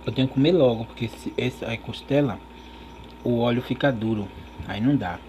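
A man's voice: medium pitch, a little fast, mellow. A man chatting casually to his viewers while chewing food, in an eating vlog. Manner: chatty, addresses viewers directly. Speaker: mukbang vlogger. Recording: dull lo-fi recording with faint noise.

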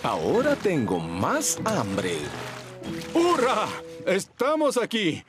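A jovial daddy pig. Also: male voice, high-pitched, huge pitch swings, slow, music in the background, full character voice. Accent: Latin American Spanish. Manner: sighing, jovial. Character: good-natured hungry daddy pig. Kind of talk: cartoon dub voice acting.

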